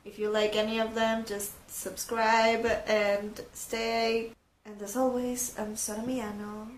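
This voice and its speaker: A woman's voice: on the high side, level tone, measured pace, roomy sound, slight background noise. A woman in her twenties giving casual, emotional reaction commentary with lots of exclamations. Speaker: reaction video host. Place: small bedroom, indoors.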